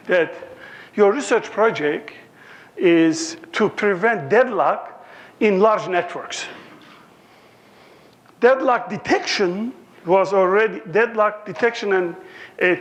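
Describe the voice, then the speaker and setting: A man's voice: high voice, slow pace. A man in his sixties from Turkey with a Turkish accent, giving a conference lecture in a joking, anecdotal way. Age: 60s.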